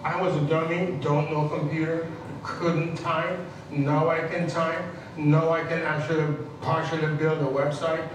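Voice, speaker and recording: A man in his seventies, a hat maker, speaking in halting, short phrases in an interview. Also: fairly high pitch, flat delivery. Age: 70s. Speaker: milliner. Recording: echoey, distant, noisy.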